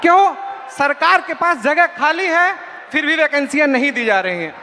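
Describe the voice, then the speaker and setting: Emphatic high-voiced young man, noisy hall. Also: normal speed, bright, forceful tone. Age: young adult. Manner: emphatic, raised voice, deferential address. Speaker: student job aspirant. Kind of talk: earnest public testimony. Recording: noisy hall with long echo.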